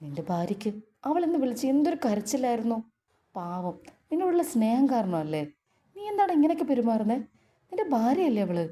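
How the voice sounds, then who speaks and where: A woman's voice: a little high, sing-song, brisk, mellow, voice pushed up. A woman voicing a kind, doting mother-in-law who soothes and reassures. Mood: scolding. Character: kindly doting middle-aged mother-in-law.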